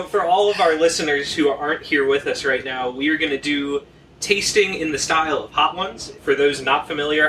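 A man's voice: fairly high pitch, pushed and bright. A man hosting a casual podcast chat, explaining things with fillers and easy laughs. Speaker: podcast host. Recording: distant mic with faint noise.

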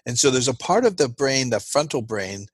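A man's voice: mid-range voice, lively intonation, normal speed, slightly rough, dry recording. A man giving an interview as a guest expert, explaining earnestly and checking in with "right?" as he goes.

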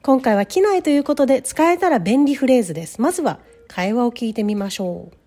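A woman teaching a bilingual English lesson, upbeat and encouraging, modeling English phrases slowly for learners. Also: a little high, animated, dark tone.

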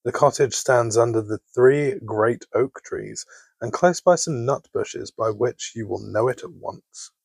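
A man's voice: medium pitch, a little slow, vocal fry, a little mellow, husky, dry recording. A man voicing an innocent little girl in a bedtime storybook reading, light and sweet.

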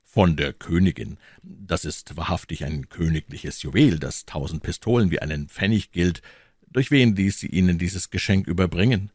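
A man doing a grave, gruff old captain. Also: low-pitched, normal speed, a little mellow, no echo, studio quality. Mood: warning. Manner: grave, warning, lecturing. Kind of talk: audiobook character voice.

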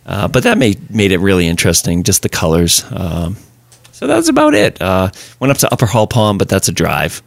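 A man's voice: sits low, very animated, fairly quick, gravelly, no room sound. A man hosting a podcast, chatting in an easygoing, storytelling way. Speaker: podcast host. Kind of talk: casual podcast chat.

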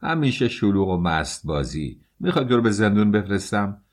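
A man's voice: on the low side, big pitch swings. A man voicing an angry, bullying police officer who scolds harshly. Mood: scolding.

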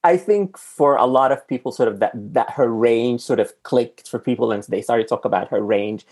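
A man from Sudan with a slightly husky voice, hosting a conversational film podcast. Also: medium pitch, moderate pace, a little mellow. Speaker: podcast host.

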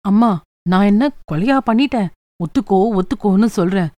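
A woman's voice: mid-range voice, fairly quick, warm tone, no echo, close to an everyday voice. A woman voicing a frustrated young married woman who complains in a sulky, exasperated way in a storybook reading.

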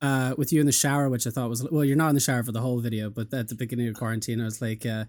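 A man's voice: medium pitch, little pitch movement, rapid-fire, a little mellow. Young Irish man, casual interviewer. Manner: informal, jokey.

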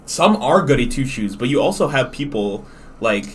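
A man's voice: medium pitch, very animated, normal speed. A young American man co-hosting a casual podcast, talking like a frat bro with slang and heavy swearing. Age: young adult. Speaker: podcast co-host. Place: small podcast room. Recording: noisy room with background ambience.

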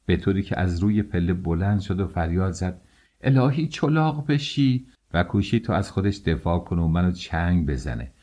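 A man reading a novel aloud as an audiobook, telling the story in a measured first-person voice. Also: deep voice, warm tone. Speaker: audiobook narrator.

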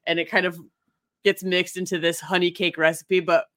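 A woman's voice: lowish voice, level tone, moderate pace, fairly bright tone, dry recording, clean studio sound. A woman co-hosting a podcast, rambling and giggly as she presents her research in casual chat. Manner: giggly, rambling, self-deprecating.

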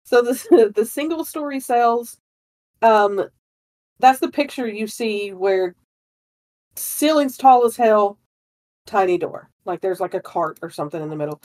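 A woman's voice: medium pitch, a little mellow. A woman co-hosting a podcast, casually telling a history story in a rambling way with frequent giggles. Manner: rambling, breaks into giggles often. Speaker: podcast co-host.

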